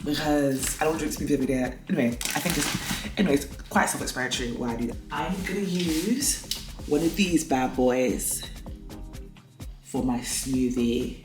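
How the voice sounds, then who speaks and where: A woman's voice: very deep voice, normal speed. A woman chatting casually in a vlog, rambling with breezy asides. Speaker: vlogger. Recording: echoey room with loud music behind.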